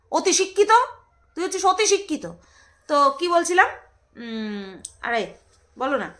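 A woman's voice: high-pitched, pushed and bright. A woman vlogger, ranting in scornful, mocking commentary full of rhetorical jabs.

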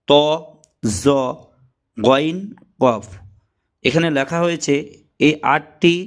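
Gravelly Quran teacher, man. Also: a little high. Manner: patient, repeats letters one by one. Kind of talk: spoken lesson.

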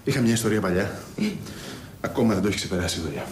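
A man's voice: deep voice, a little hiss or hum, close to an everyday voice. An actor playing a theatrical, gossipy male army conscript on guard duty in a television drama.

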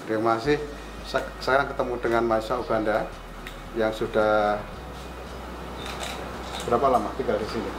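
An Indonesian man in his sixties presents and interviews in a casual vlog style. His voice is medium-pitched, recorded on location with echo and clear background noise. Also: steady tone, moderate pace, pauses often. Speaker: university rector, host. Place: campus lobby and outdoors.

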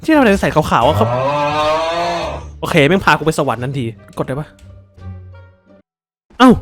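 A man's voice: a little high, big pitch swings, moderate pace, fairly bright tone, soft background music. A man hosting a let's play, swearing freely, yelping in surprise and laughing often as he plays. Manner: laughs often while playing. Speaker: gaming channel host.

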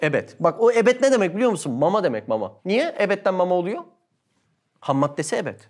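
A man giving an animated religious sermon talk, full of rhetorical questions and exclamations. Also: high-pitched, fast.

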